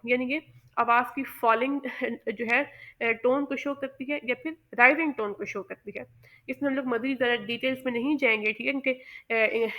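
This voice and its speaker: A woman teaching pronunciation, explaining carefully and often pausing with "uh". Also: a little high, bright, forceful tone. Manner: measured and explanatory, with many "uh" pauses. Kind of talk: explanatory lesson.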